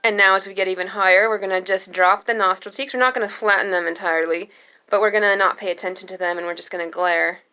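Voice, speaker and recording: A young adult woman giving a singing lesson, explaining slowly and calmly between sung demonstration notes. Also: medium pitch, heavy background noise. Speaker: singing teacher.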